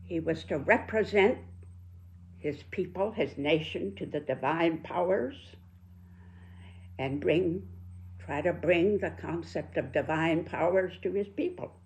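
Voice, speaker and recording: A woman in her nineties speaks very slowly in a lowish voice. She gives a reflective, solemn talk like a storyteller, setting out short phrases with long pauses between them. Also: darkish tone. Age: 90s. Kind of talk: reflective spoken talk with quoted passages.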